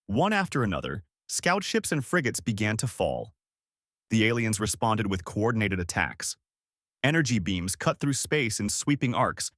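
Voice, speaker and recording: A man narrating a science-fiction story in a lively, dramatic way. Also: mid-range voice, dry recording, clean studio sound. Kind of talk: scripted sci-fi story narration.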